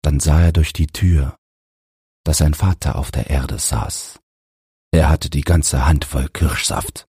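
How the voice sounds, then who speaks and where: Deep, husky man reading an audiobook. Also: no echo, clean studio sound. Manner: measured, expressive reading. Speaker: audiobook reader. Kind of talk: literary audiobook narration.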